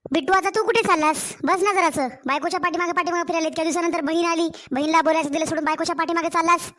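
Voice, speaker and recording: A woman voicing a sharp-tongued married sister-in-law in a cartoon family story, taunting and nagging, with a Marathwada Marathi accent. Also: extremely high pitch, steady tone, very fast. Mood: complaining.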